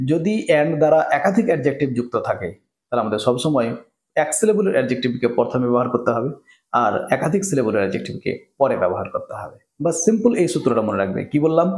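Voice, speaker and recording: A man teaching English grammar for exam preparation, explaining each option step by step, often checking in with "right?", and reading example sentences slowly. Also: medium pitch, a little mellow, reverberant. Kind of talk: exam-prep grammar lesson.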